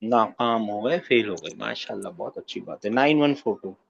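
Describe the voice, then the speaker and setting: A man's voice: lowish voice, lively intonation, moderate pace, gravelly, slightly rough. Patient male teacher on a muffled call. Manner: patient, encouraging, calls students by number. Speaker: Arabic teacher. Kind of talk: online class instruction.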